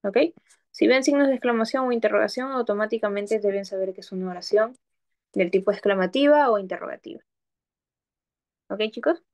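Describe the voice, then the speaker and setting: Woman, teacher, patient, explanatory, online lesson, mid pitch. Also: a little fast, long pauses, a little mellow. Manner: patient, explaining step by step with examples; checks understanding often with "¿ok?".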